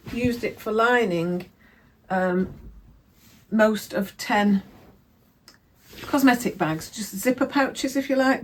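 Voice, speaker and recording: A woman's voice: medium pitch, slight background noise. A woman chatting casually about her sewing projects, rambling and correcting herself as she goes. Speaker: sewing vlogger. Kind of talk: casual crafting chat.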